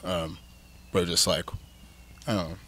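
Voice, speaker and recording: Here a low, bright, forceful male voice with little pitch movement talks a little slowly. It belongs to a guest frontman in his thirties who, in a relaxed chat, candidly and ramblingly tells how his band came to be, filling the gaps with "like" and "um."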